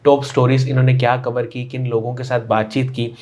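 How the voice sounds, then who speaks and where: A man's voice: medium pitch, flat delivery, a little mellow. A man hosting an interview show, introducing his guest and asking polite, formal questions. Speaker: interview host.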